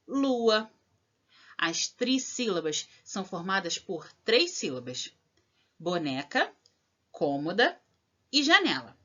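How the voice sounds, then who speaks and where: A woman teacher, giving a recorded lesson to children, spelling out examples slowly and with clear stress and often checking in with the listener. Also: medium pitch, fairly bright tone. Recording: dull lo-fi audio.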